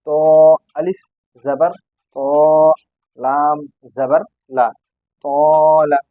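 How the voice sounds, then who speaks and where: A man's voice: mid-range voice, drawn-out words, darkish tone, no room sound, lo-fi sound. A man teaching Quran reading, spelling out letters one by one and repeating each syllable for learners. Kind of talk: step-by-step recitation lesson.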